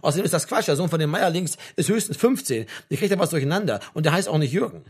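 A man's voice: a little high, lively intonation, fast talker, slightly rough, pitched above the performer's own voice. A man reading an audiobook, voicing a frustrated young man in an exasperated, sarcastic tone.

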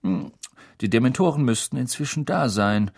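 A man doing a flustered, fussy government minister, talking fast, agitated and patronizing. His voice is gravelly and husky, with lively swings in pitch. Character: flustered, fussy middle-aged male minister.

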